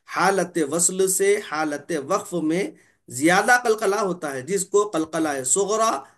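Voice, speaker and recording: Guy teaching tajweed, fairly high voice, says each letter sound slow and repeats it, keeps clearing his throat. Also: fairly bright tone. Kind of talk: Quran recitation lesson.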